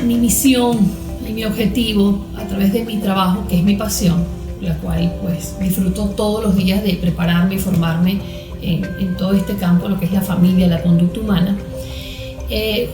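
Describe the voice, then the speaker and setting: Being interviewed as a guest, this Venezuelan woman, a therapist and coach, lays out her explanations point by point in an earnest, teaching manner. Her pitch is medium and a little mellow, and the recording carries a roomy echo.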